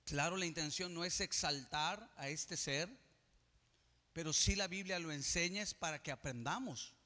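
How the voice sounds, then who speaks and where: Bright-voiced preaching pastor, man. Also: fairly high pitch, moderate pace. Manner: preaching, swelling to loud emphatic peaks. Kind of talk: sermon. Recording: reverberant church hall.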